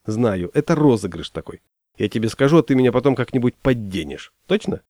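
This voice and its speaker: Guy doing a chatty fussy fish-keeper buddy, mellow voice, dry sound. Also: mid-range voice, animated, fairly quick, dry recording, close to an everyday voice. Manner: coaxing, folksy and chatty. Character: friendly fussy man, aquarium fish keeper.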